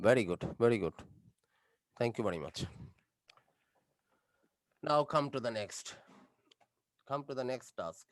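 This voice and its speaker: A male English teacher with a Bangladeshi accent, a native Bengali speaker, leading an online class. He speaks at an unhurried, measured pace and keeps restating each instruction, moving between English and Bengali. The sound is close and dry. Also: mid-range voice, animated, dry recording, low-quality recording.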